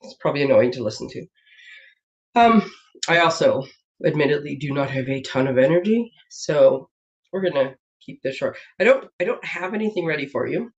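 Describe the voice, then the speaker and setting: Deep-voiced and expressive, this woman speaks at a moderate pace while hosting a papercraft live stream from her desk at home. It's a casual stream full of rambling and frequent laughter, and a sinus infection leaves her a bit congested. The sound, picked up by a webcam setup, is dull and lo-fi.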